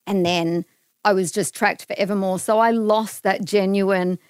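Smooth-voiced Australian woman telling a story. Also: mid-range voice, measured pace, no echo, clean studio sound. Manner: earnest, animated retelling with acted-out quotes. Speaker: guest. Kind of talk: casual interview storytelling.

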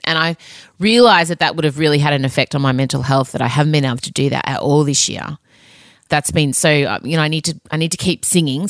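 A woman's voice: deep voice, a bit bright, dry recording, clean studio sound. A middle-aged woman hosting a podcast, talking in a candid, chatty, self-mocking confessional monologue. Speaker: podcast host.

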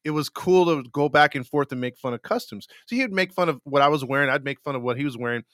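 A man's voice: mid-range voice, fast, fairly bright tone, no echo. A man co-hosting a live podcast, chatting casually, laughing often and telling stories. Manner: laughs often, tells stories with mimicked voices. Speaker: podcast co-host. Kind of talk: casual chat, putting on comic voices.

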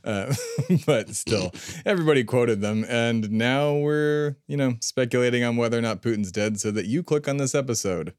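A man's voice: mid-range voice, normal speed, a little mellow, dry recording, studio quality. A man co-hosting a podcast in casual, joking talk that rambles and breaks into laughs. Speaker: podcast co-host.

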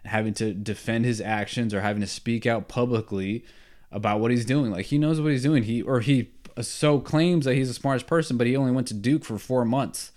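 A man's voice: medium pitch, brisk, a little mellow. A young man hosting a sports podcast alone, talking casually and with strong opinions, full of fillers and restarts. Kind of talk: solo casual sports talk.

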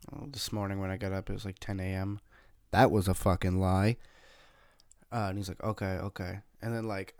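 Young male podcast host, low voice, dry close mic, casual profane storytelling. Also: no room sound. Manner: swears freely, animated retelling with quoted dialogue.

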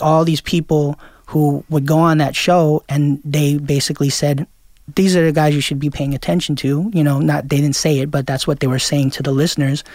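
A DJ from Queens, New York, chats loosely as a guest in a casual interview, his speech full of fillers and restarts. His voice is on the high side with a darkish tone, recorded with studio quality and no echo.

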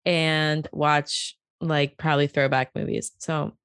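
A woman's voice: deep voice, slow, creaky, fairly bright tone, clean tone, no echo, studio quality. A twenty-year-old woman co-hosting a podcast, chatting casually with lots of "like" and "um". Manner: chatty, heavy use of "like" and "um". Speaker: podcast co-host. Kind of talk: casual chat.

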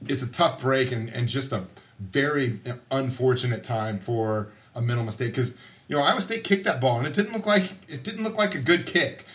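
Male podcast co-host, sports writer, casual and halting delivery. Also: mid-range voice, animated, a bit bright. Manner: hesitant, many restarts.

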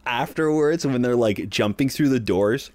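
Excited man gushing in casual podcast chat. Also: mid-range voice, moderate pace, no echo. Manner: enthusiastic, frequent "like" fillers and restarts. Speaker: podcast co-host. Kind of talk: casual show recap chat.

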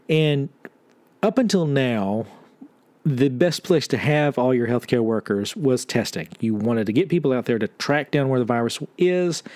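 Hosting a podcast solo, a man with a mid-pitched, slightly mellow voice comments on the news and explains the figures step by step. He keeps it conversational and informal. The sound is dry, with no room around it.

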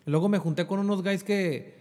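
A man's voice: high-pitched, moderate pace, warm tone, in a large hall. A man with a Mexican Spanish accent tells an emotional personal faith testimony, in earnest, often saying "bro" and dropping in English fillers. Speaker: guest sharing a faith testimony.

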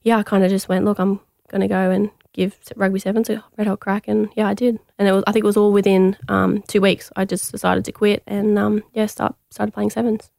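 A young woman from Australia chats casually as an interview guest, her level voice held to a narrow range with a gravelly fry. She talks in a relaxed way, full of fillers and restarts, in a dry, close studio sound. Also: mid-range voice, fairly quick, few pauses, no room sound. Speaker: guest, athlete.

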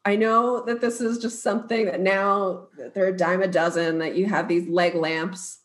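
A young woman co-hosts a podcast in easy, casual chat. She jokes a lot and pokes fun at herself. Her pitch sits in an ordinary middle range. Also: little pitch movement, normal speed. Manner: chatty, jokey, self-deprecating. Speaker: podcast co-host.

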